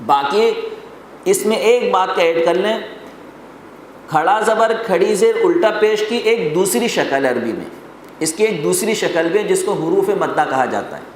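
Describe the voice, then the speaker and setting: Male teacher, high voice, reverberant hall with a faint hiss, patient step-by-step classroom explaining. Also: expressive. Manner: explains rules step by step, quizzing students and repeating lists. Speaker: Quran recitation teacher. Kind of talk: classroom lesson. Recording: very echoey hall with faint noise.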